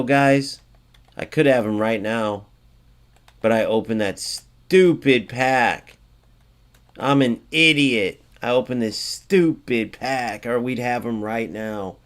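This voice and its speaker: Speaking slowly in a clean-toned, medium-pitched voice, a man does casual game commentary for his channel. He thinks aloud while totting up points, mumbling the sums to himself and chatting with viewers he addresses as guys.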